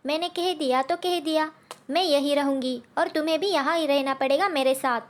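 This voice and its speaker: A selfish female crow from a cartoon story speaks in a high, sharp, bossy voice, as a woman reads her part. Her tone stays pushy and scheming. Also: moderate pace, natural voice.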